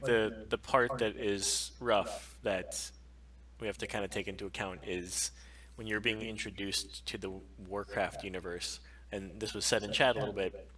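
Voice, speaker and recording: A man with a fairly low voice co-hosts a casual livestream podcast, talking freely and emphatically with frequent swearing. The recording is rough, and he sounds distant from the mic.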